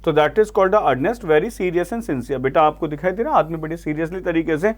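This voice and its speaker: Indian guy teaching english vocab online, fairly high voice, slows way down on example sentences, keeps saying beta. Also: expressive. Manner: calls students "beta", reads English examples slowly then explains. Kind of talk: vocabulary lesson.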